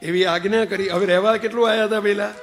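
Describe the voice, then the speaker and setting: Male preacher with a high voice, telling stories in a sermon and speaking straight to the audience, with long hall reverb. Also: steady tone, fast talker, gravelly, faint music behind. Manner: narrates anecdotes and addresses listeners directly. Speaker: spiritual preacher. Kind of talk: storytelling sermon explaining a devotional hymn.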